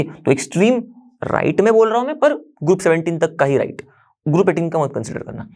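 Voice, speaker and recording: A man's voice: on the high side, a little mellow. Chatty male chemistry teacher. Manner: explains step by step, repeating "ok" and checking in; mixes English terms into Hindi. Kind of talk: classroom lecture. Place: standing at a board in a teaching studio.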